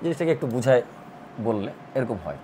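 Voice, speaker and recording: A man's voice: mid-range voice, very animated, quick pace, dark tone, a little hiss or hum. A man teaching a recorded math lesson, explaining step by step and repeating counts in rhythmic lists. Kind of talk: online admission-prep math lesson.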